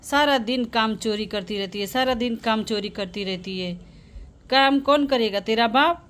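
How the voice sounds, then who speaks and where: A woman's voice: fairly high pitch, normal speed, a bit bright, pitched below the performer's own voice, lightly acted. A woman voicing a harsh village mother who scolds her daughters and dotes on her son, nagging and insulting them. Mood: scolding.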